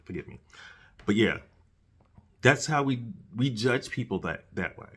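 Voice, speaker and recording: The man hosting this solo commentary podcast sounds husky and mid-range, with lively intonation and a measured pace. His delivery is earnest and preachy, full of repetitions and restarts. He has a dry mouth and candy in his mouth.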